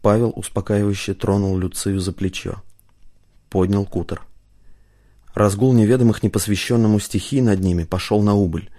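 Low, mellow male audiobook narrator. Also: steady tone, moderate pace.

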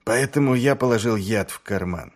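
A man voicing a weary, sardonic middle-aged male watch commander in an audiobook, speaking low and dry. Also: moderate pace, soft background music, close to an everyday voice. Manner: dry, mocking, low and subdued.

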